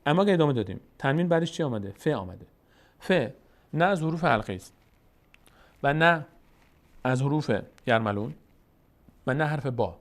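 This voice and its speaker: A man with a Tajik accent teaching Quran recitation rules, patiently explaining and slowly repeating words to show their pronunciation. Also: fairly high pitch, lively intonation. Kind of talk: explanatory lesson.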